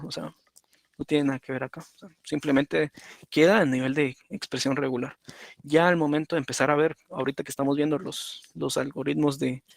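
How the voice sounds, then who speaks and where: Drawing at his computer, a man with a slightly high, creaky voice lectures on automata and walks through each step. He checks in with "¿verdad?" and often says "por ejemplo," and there's no echo.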